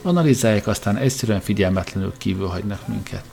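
A man's voice: on the low side, animated, vocal fry, a little mellow. A man voicing a determined, resourceful adult man who leads the group, speaking in a curt, commanding way. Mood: urgent.

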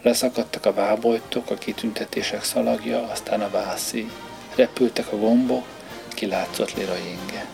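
Gravelly low-voiced male narrator. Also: steady tone, darkish tone. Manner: measured storytelling. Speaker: audiobook narrator. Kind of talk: scripted narration. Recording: music playing underneath.

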